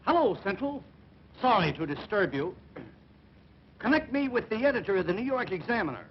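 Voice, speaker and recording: High-voiced brash comic schemer, early talkie. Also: male voice, very animated, fairly quick. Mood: grandiose bluffing. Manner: boastful, grandiose. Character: brash fast-talking male comic schemer, boastful and cocky. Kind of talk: early talkie film comedy acting. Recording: dull, noisy 1930 film soundtrack.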